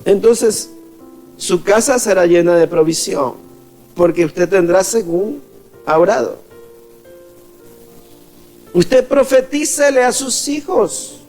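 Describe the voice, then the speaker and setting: Pastor preaching a sermon, really high voice, takes it slow, faint music underneath. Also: male voice, animated, darkish tone. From Ecuador. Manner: preaching, calls the congregation "amados", acts out quoted voices.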